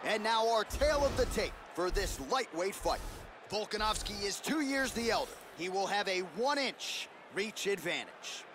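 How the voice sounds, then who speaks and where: A man performing as an excitable play-by-play cage fight commentator in a sports video game. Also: sits high, moderate pace. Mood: building anticipation. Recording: loud arena noise behind.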